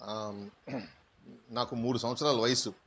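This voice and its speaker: A man's voice: medium pitch, fairly even intonation, measured pace, fairly bright tone. A pastor from Andhra Pradesh preaching a sermon to a congregation, asking questions and acting out the people he quotes, with English words mixed into his talk. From Andhra Pradesh, India. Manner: asks the congregation questions and acts out quoted speakers.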